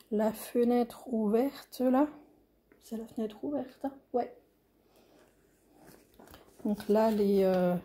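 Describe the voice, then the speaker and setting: A woman's voice: on the high side, dark tone, husky. A French-accented woman chatting casually as she unboxes a craft kit, enthusiastic and often dropping to a near whisper. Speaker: craft vlogger.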